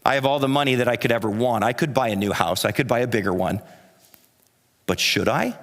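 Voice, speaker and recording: A man voicing a quietly devoted older neighbor, a retired firefighter, asking soft, heartfelt questions. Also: mid-range voice, a little fast, voice pushed down, close to an everyday voice. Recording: reverberant church hall.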